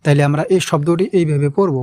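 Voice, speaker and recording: A man's voice: fairly high pitch, fairly even intonation, fast talker, mellow, no room sound, clean studio sound. A man who teaches Quran recitation step by step, patiently repeating and drawing out each word. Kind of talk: step-by-step pronunciation lesson.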